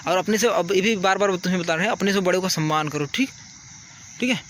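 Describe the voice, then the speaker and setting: Outdoors at night, a man who teaches gives children casual, earnest and repetitive advice, repeating "ठीक है" to check they understand. His voice sits high and is fairly bright, and he talks fast. There's slight background noise.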